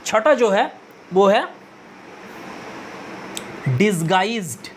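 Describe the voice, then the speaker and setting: A woman with a fairly high voice teaches a grammar lesson at an unhurried pace. She is deliberate and methodical, saying each new term twice so it sticks. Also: lively intonation, slight background noise. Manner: slow, deliberate, repeats key terms. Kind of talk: explanatory lesson.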